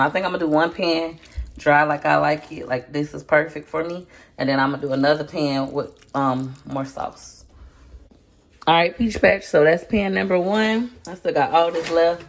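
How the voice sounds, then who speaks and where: A deep-voiced woman speaks at a moderate pace while filming a relaxed cooking video at home. Calling herself Peach Patch, this vlogger stirs a pot and keeps up a chatty, folksy conversation with her viewers.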